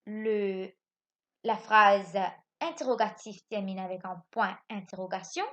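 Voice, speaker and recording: A woman teaching French grammar to young children in a recorded lesson, asking questions and answering them herself. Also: medium pitch. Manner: lively, repeats points, asks questions and answers them herself. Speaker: primary school French teacher.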